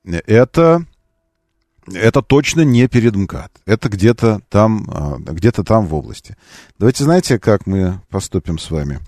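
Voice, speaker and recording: A man with a fairly low voice talks as a radio host. He chats casually with callers, drawing out phrases as he thinks. The sound is dry and close, like a studio. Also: sing-song, moderate pace, a little mellow, dry recording. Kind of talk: casual live talk with callers.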